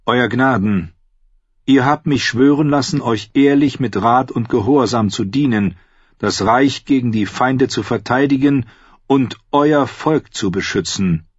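A man's voice: medium pitch, measured pace, breathy edge, no echo, highs cut off, pitched above the performer's own voice. A man doing a loyal earnest knight. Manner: earnest, steady, pleading. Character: loyal, plain-spoken middle-aged male knight.

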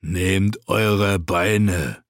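A man voicing a brutish, dim-witted male slave-soldier sergeant who speaks gruffly, slowly and with contempt, in an audiobook. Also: deep voice, no room sound, clean studio sound. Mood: contemptuous.

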